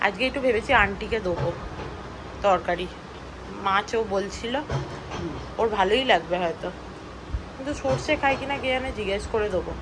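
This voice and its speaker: A woman's voice: mid-range voice, moderate pace, pauses often, background noise. A young woman from West Bengal chatting to viewers in a casual daily-life vlog while she does chores at home. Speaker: vlogger. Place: home, indoors.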